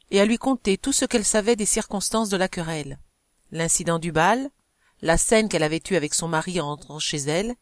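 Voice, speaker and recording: Brief: female audiobook narrator, measured and expressive, mid-pitched, dry close recording. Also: dry recording. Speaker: audiobook reader. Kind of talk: scripted narration of a novel.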